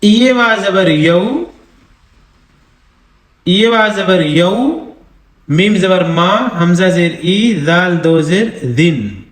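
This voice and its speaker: A man teaching Quran reading, spelling out syllables slowly and drawing out recited words between quick explanations. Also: sits high, reverberant. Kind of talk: recitation lesson.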